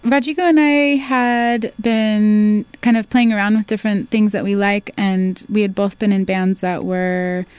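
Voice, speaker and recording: A woman musician chatting casually as a guest in a radio studio interview, relaxed and talkative. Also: mid-range voice, measured pace, hardly any pauses, clean tone, no room sound. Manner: chatty, relaxed, with small laughs and restarts. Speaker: singer and band founder, guest.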